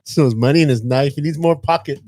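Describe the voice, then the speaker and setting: A man's voice: a little high, fast, no echo. A man co-hosting a podcast, joking and chatting casually. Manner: joking, laughing, animated. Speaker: podcast co-host. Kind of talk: casual chat.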